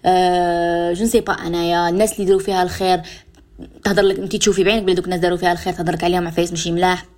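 Fast-talking Algerian woman radio host. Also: fairly low pitch, level tone, darkish tone. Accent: Algerian Arabic. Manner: mixes French and English words into dialect; addresses listeners directly, giving examples. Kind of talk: advice talk to listeners.

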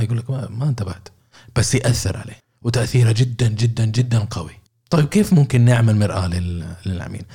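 Fast-talking Saudi man teaching sales. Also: on the low side, mellow, slightly rough. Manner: chatty, explains with made-up example dialogues. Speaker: sales trainer. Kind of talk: informal training talk.

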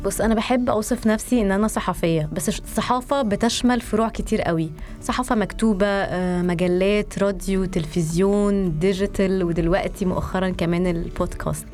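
A woman's voice: medium pitch, fairly even intonation, fast talker, a little mellow, faint music behind. A woman in her thirties with an Egyptian accent in a conversational studio interview, mixing English words and phrases into her Arabic. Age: 30s. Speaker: podcast guest, journalist and producer.

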